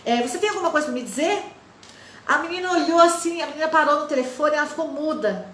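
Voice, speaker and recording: A woman's voice: high voice, quick pace, a bit bright, reverberant, slight background noise. A woman in her forties, a lay missionary, giving an emotional testimony sermon and acting out the dialogue of her story.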